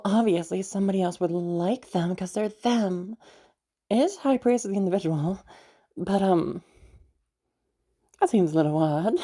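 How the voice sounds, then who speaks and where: In an intimate audio roleplay that sounds improvised, a woman voices one side of the dialogue as a kindly, teasing young stranger comforting someone who is upset. Her voice is lowish, husky and creaky with a dark tone, and she speaks casually and hesitantly, chuckling often and swearing casually.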